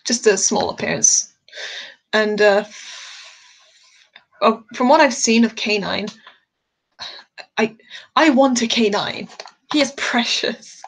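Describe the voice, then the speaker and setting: A woman chats loosely to her live stream while drawing, her pitch sitting in the middle. She is a bit tired and rambles from thought to thought, with easy laughter. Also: slow pace, gravelly, long pauses, poor audio. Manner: chatty, rambling, laughs often.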